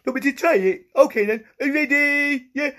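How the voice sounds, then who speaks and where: Pat the Potato: a squeaky, hyper potato who yells and rambles. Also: male voice, brisk. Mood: excited. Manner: shouty, rambling, stumbles over words. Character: silly talking potato, childish and excitable. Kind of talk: comic vlog sketch.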